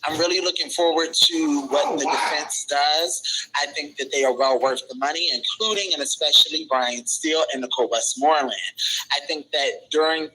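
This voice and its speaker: A man stopping by a live stream as a guest writer, giving quick, witty opinions and plugging himself. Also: fairly high pitch, pushed and bright, a little hiss or hum, rough recording. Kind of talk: casual on-the-street interview.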